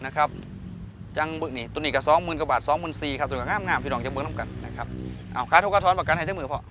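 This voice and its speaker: A man with a northeastern Thai Isan accent doing a hyped live-seller pitch to viewers, often prompting them for agreement, recorded outdoors over noise. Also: rapid-fire. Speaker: host of cattle-sale videos.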